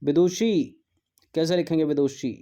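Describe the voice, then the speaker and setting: A man's voice: a little high, unhurried, warm tone. A male teacher going through exam practice questions, repeating words to drill their spelling and mixing in English terms.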